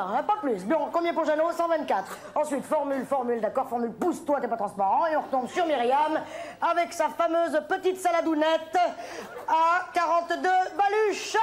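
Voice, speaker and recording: A woman comedian performing an exasperated, bossy stand-up sketch on a TV stage, ranting and at times shouting. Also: high-pitched, a little hiss or hum. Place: TV studio stage with audience. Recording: archive TV stage recording with audience laughter. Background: audience laughter.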